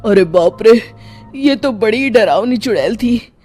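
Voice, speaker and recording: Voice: mid-range voice, lively intonation, measured pace, a little mellow, soft background music. A performer voicing a frightened male village farmer in a Hindi cartoon, panicky and fearful. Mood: scared. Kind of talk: cartoon voice acting.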